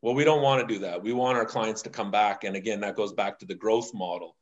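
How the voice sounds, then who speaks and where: A man's voice: fairly low pitch, a little fast, dull audio. A man talking casually as a guest about his company, earnest and rambling with many fillers. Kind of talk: casual interview talk.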